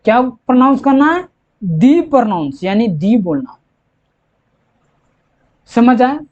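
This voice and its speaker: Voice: mid-range voice, very animated, slow pace, darkish tone. An English teacher explaining grammar step by step, repeating each point and answering their own questions. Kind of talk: slow classroom explanation. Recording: dull lo-fi recording.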